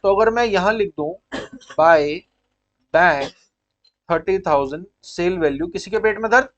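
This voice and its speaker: A man's voice: sits high, unhurried, fairly bright tone, dull audio. A man with an Indian accent teaching accounting in a lecture style, quizzing his pupils and repeating key points in mixed Hindi and English.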